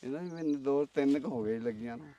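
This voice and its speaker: A man's voice: medium pitch, fast talker, warm tone, far from the mic, muffled recording. A man with a rural Pakistani Punjabi accent giving short, polite answers as a farmer in a casual interview. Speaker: farmer, vlog guest. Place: outdoors in a farm field.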